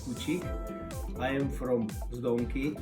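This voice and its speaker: A man from Slovakia answering in broken English, pausing often with fillers. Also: medium pitch, steady tone, dark tone, soft background music. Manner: hesitant, many fillers and broken phrases. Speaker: interviewee.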